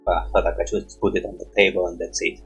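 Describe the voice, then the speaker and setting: A man's voice: deep voice, flat delivery, fast talker, vocal fry, slightly rough, soft background music. A man on a headset mic rambling casually in broken English, peppering his talk with "bloody". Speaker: reaction streamer.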